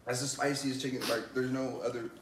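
A man's voice: mid-range voice, flat delivery, a little fast, far from the mic. A young man on a livestream, laughing and complaining about the spicy heat. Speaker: friend on stream. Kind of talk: casual livestream chat. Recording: echoey room with background noise.

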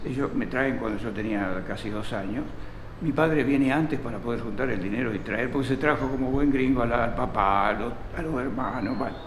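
An older man from Italy telling local history in an interview, animated and speaking directly to the listener, filmed close in a small indoor room. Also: medium pitch, brisk. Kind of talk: storytelling interview. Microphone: camera close in front. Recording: echoey room with faint noise.

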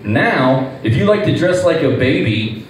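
Animated, profane male stand-up comic. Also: on the high side, measured pace, a little hiss or hum. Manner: animated, profane, exasperated storytelling. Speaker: stand-up comedian. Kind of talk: stand-up set at open mic. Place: small comedy club stage. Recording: echoey room, distant mic, faint ambience.

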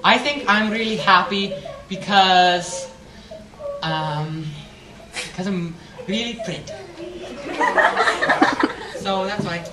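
A woman's voice: mid-range voice, takes it slowly, pauses often, heavy background noise, natural voice. A woman playing a cheerful, vain young Italian man at a convention panel, giggly and teasing. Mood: playful. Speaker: cosplay panelist. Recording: echoey hall from far off, crowd.

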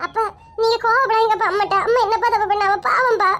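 Woman as a young Kanyakumari daughter: pleading, very high, very fast. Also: steady tone, fairly bright tone, soft background music. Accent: Kanyakumari Tamil. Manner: pleading and plaintive. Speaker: married daughter in a family comedy skit. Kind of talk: comic family skit acting.

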